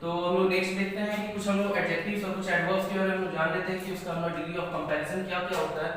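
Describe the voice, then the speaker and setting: A man, teaching English grammar in a high voice. He works through each rule step by step. The sound is strongly echoey, with a long reverb, picked up from far off the mic. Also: flat delivery, racing, fairly bright tone, a little hiss or hum. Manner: explains step by step, says "ठीक है" often. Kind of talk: classroom lesson.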